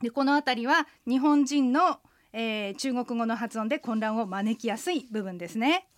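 An interpreter guide co-hosting a radio language lesson, a woman leads listeners through patient, clear pronunciation drills. She speaks at normal speed in a fairly high voice, recorded dry with studio quality.

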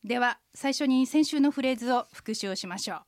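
A woman's voice: a little high, fairly quick, dry recording, studio quality. A woman co-hosting a radio language lesson as an interpreter guide, explaining phrases and tones patiently. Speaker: co-host, interpreter guide teaching Chinese phrases.

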